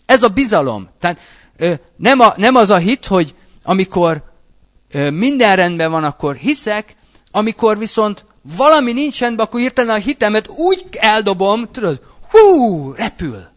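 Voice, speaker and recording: A man preaching a sermon in a conversational way, reading verses aloud and then explaining them, often checking in with his listeners. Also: sits high. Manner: animated, conversational, often asks listeners "you know?".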